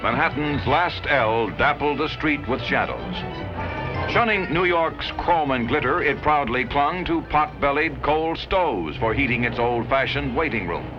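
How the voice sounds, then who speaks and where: 1950s newsreel narrator, man, lively emphatic pitch, dull lo-fi film sound. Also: unhurried, music in the background. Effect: old newsreel soundtrack.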